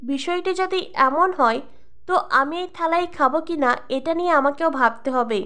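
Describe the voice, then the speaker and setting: A woman's voice: high voice, moderate pace, pushed and bright. A woman reading as an earnest young woman. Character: principled young woman pleading with her employer.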